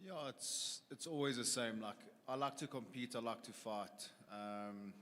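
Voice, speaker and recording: A confident, plain-spoken South African fighter in his forties answers questions at a press conference into a handheld microphone. His voice is medium-pitched, a bit bright and a little slow, with slight background noise and long hall reverb.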